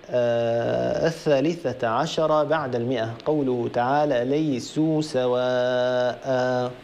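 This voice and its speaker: Male recitation teacher, a little high-pitched, patient and methodical, chants examples slowly. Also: darkish tone, slight background noise. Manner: methodical, repeats points and chants verses slowly to demonstrate. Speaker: Quran recitation teacher and program host. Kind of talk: tajweed lesson on a call-in broadcast.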